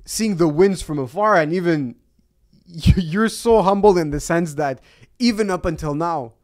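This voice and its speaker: A man's voice: sits high, measured pace, a little mellow. A man hosting a casual chat, laughing easily and swearing casually as he asks questions.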